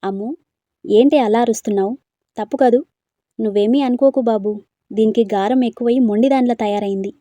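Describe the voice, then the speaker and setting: A woman's voice: a little high, fairly quick, pauses often, mellow, dry recording, close to an everyday voice. A woman reading a storybook, voicing a fond elderly grandmother who speaks in a coaxing, soothing way.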